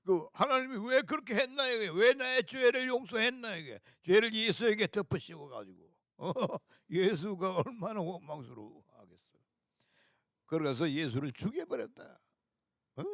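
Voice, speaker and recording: A man's voice: high-pitched, fairly bright tone, dry recording, studio quality. A man preaching a fiery sermon, scolding harshly and hurling coarse insults. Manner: sings a hymn slowly.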